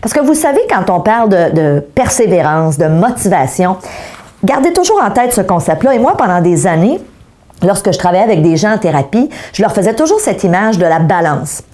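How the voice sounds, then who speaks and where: A woman's voice: mid-range voice, sing-song, brisk, dark tone. A middle-aged woman with a Québécois French accent gives an online coaching lesson, talking directly to viewers and asking them rhetorical questions. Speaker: motivational speaker.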